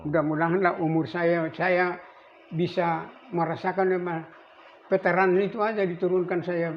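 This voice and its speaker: An elderly man in his eighties, a navy veteran, recalling his service in a rambling, halting way with many restarts. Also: high voice, little pitch movement. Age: 80s. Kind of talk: recorded interview. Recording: dull lo-fi recording with faint noise.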